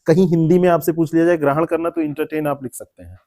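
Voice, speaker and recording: A man's voice: a little high, fairly even intonation, fast, mellow. A man teaching a classroom lecture, explaining word meanings, repeating terms and quizzing students by name. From India.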